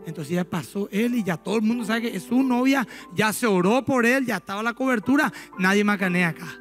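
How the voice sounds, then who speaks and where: A man with a Paraguayan Spanish accent preaching a sermon as pastor in a church, telling stories in an animated way and acting out the dialogues. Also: high voice, fairly quick, faint music behind.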